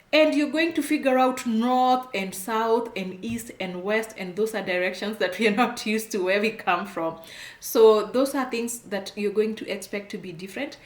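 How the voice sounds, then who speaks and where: A middle-aged Kenyan woman with a mid-range voice sits facing a camera on a desk and gives frank, direct-to-camera advice as an immigration consultant. She is emphatic and repetitive, laughs often, and gestures as she talks. The recording comes from a plain-walled room at home and sounds echoey.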